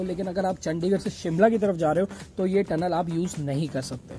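High, mellow male voice-over giving road updates. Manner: informative, steady listing of road conditions. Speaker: travel vlogger.

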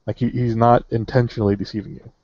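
A man's voice: medium pitch, little pitch movement, fast, highs cut off. A man running a tabletop game as game master, hesitant and full of fillers.

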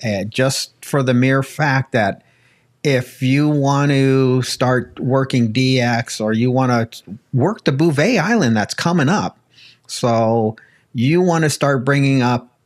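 A man's voice: mid-range voice, slow. An older American man giving casual technical advice in a conversational, folksy way into a close desk microphone. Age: older, around 60s. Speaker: ham radio panelist. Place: home radio room, indoors, video call. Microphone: close desk microphone with headphones.

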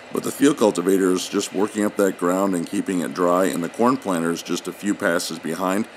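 A man giving steady, explanatory scripted voice-over narration. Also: low-pitched, slight background noise. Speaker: channel narrator.

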